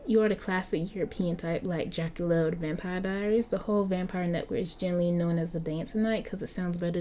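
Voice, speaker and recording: A cocky undead street kid with a Southern US drawl, rattling off slangy asides as a woman reads the part in an interactive story. The voice is soft and mellow rather than bright. A faint noise sits under the recording. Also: lowish voice, natural voice. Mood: breezy. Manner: chatty, flippant, slangy. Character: cocky young-looking vampire, century-old street kid. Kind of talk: reading an interactive story aloud.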